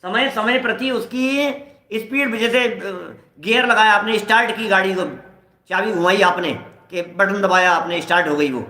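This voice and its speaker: Middle-aged male scripture teacher, high voice, chatty lecture with acted-out examples, echoey room. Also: steady tone, normal speed, bright, forceful tone. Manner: conversational, explains with everyday examples, acts out quoted dialogue. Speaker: religious teacher.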